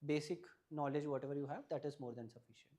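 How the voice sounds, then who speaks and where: This young man, a native Malayalam speaker and exam topper, talks fast in a mellow, fairly high voice as he lays out his study strategy in an interview. His tone is advisory, and he keeps checking in with a questioning "right?" at the end of points.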